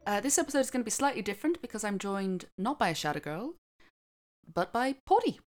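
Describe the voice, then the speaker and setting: A woman's voice: mid-range voice, very animated, fast talker. A woman chatting casually as the host of a podcast. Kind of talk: casual chat.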